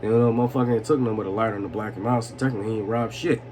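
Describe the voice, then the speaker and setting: His lowish voice racing, a man in his twenties rambles through personal stories as a storytelling vlogger, tipsy and chuckling. The talk is slangy and profane, with "you know what I'm saying" on repeat. Steady background noise runs through the noisy room.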